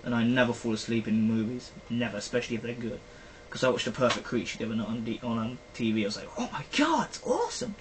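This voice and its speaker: Chatting about movies in a loose, filler-heavy ramble, this young man from Britain speaks quickly at a medium pitch, keeping a level tone and barely pausing. It's a casual vlogger film review, captured on a poor-quality recording with faint background noise.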